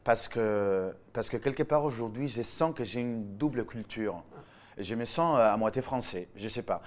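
A Spanish man in his thirties speaking French with a Spanish accent, answering interview questions as a guest actor, animated and restarting phrases. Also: medium pitch, normal speed. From Spain.

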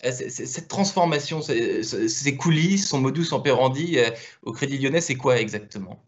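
A man's voice: mid-range voice, lively intonation, normal speed. A man hosting a video-call interview, hesitant and full of fillers and repeated words. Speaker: interview host.

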